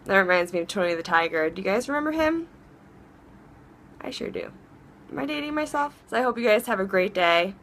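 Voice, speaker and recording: A woman hosting a casual advice vlog, chatty and rambling, often restarting her sentences, and warm and encouraging toward her viewers. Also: mid-range voice, animated, quick pace, few pauses, a little hiss or hum. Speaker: vlog host.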